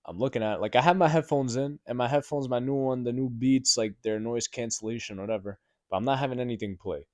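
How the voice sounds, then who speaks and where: A man's voice: mid-range voice, fast talker, dry recording, studio quality. A young man hosting a podcast alone, telling a story in rambling casual talk with lots of fillers and swearing, still recovering from being sick. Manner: rambling, heavy filler words and profanity; gets loud and animated retelling a shock. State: recovering from sickness. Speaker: podcast host. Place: apartment building room.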